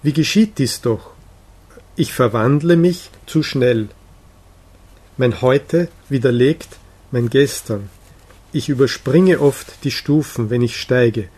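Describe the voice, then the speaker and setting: A weary, despairing young man pouring out his troubles, as a man reads him aloud. His delivery is earnest and pleading, and he speaks slowly. The audiobook reading keeps a middle pitch. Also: darkish tone, slightly rough.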